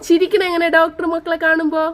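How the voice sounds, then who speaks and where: A woman's voice: very high voice, completely flat delivery, fast, a bit bright. A mother in a home vlog, coaxing her small child with playful sing-song baby talk and questions.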